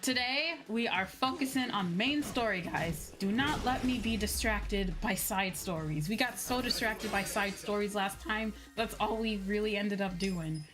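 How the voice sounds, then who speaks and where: Game music plays behind a female VTuber streamer as she chats casually and self-deprecatingly about the game. She speaks in a mid-range voice at a measured pace, with barely any pauses.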